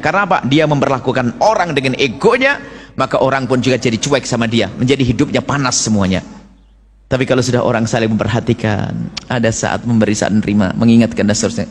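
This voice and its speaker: A man's voice: mid-range voice, a little hiss or hum. A middle-aged male preacher giving a sermon, firing rhetorical questions and teasing and scolding his listeners by turns. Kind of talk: Islamic sermon to a congregation.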